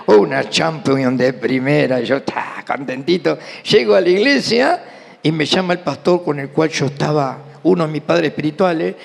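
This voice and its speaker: Gravelly high-voiced Argentine preacher. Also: male voice, normal speed. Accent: Argentine Rioplatense Spanish. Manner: animated storyteller, acting out dialogue. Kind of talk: sermon with personal testimony. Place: church hall. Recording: reverberant church hall.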